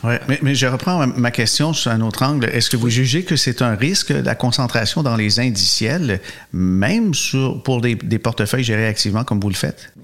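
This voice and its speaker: Male interviewer with a mid-pitched voice. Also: normal speed, a bit bright. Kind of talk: conversational interview questioning.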